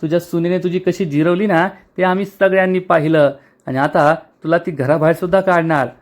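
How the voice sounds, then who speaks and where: A man's voice: a little high, steady tone, a little fast, close to an everyday voice. A man voicing a quarrelsome, jealous woman who taunts her rival. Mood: taunting.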